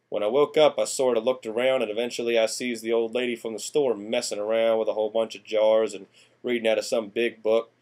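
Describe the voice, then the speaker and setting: A man's voice: mid-range voice, a little mellow, lightly acted. A man playing a folksy, rambling small-town man from the 1890s, talking through an acted class monologue. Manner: folksy and rambling, drawling country slang. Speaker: student presenter in character.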